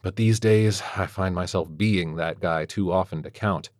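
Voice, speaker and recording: A deep-voiced man narrates a first-person story, measured and wry with a quiet tension underneath. The sound is close and dry, with no room around it. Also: no echo. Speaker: audiobook narrator.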